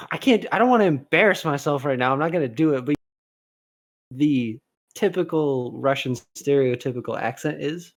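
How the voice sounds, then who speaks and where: A young man co-hosting a podcast in casual chat, talking in rambling, animated bursts full of restarts. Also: a little high, moderate pace. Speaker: podcast co-host.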